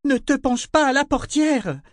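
Male reader voicing a snappish, irritated mother, raised high. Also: animated, a little slow, dry recording, clean studio sound. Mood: commanding. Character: irritable young mother, curt and disgusted.

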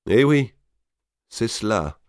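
Man doing a young maid, sly, sweetly spiteful, soft, falsely gentle, dry sound. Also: fairly low pitch, big pitch swings, slow, clear, resonant tone, no echo, pitched above the performer's own voice. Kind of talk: audiobook character voice.

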